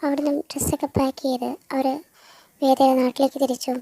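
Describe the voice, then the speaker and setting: A woman narrating a fan story in a plain, steady way. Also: high voice, fast talker, no room sound, poor audio.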